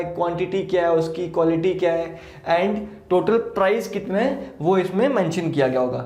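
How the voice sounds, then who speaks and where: High-voiced man teaching accounts. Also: darkish tone. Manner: mixes Hindi and English, asks and answers his own questions. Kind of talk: exam-prep lecture. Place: classroom with a board. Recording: echoey room.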